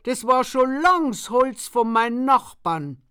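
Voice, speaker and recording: A woman's voice: on the high side, sing-song, slow, fairly bright tone, smooth, pitched above the performer's own voice, full character voice. A woman voicing a sly, stubborn farmer of about sixty, speaking blunt and emphatic. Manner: crafty, blunt dialect speech, raised and emphatic.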